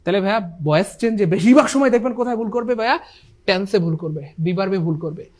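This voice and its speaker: A man's voice: sits high, quick pace. A tired man teaching an online English exam-prep class, repeating key points emphatically and calling his students brothers and sisters. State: tired after a long class.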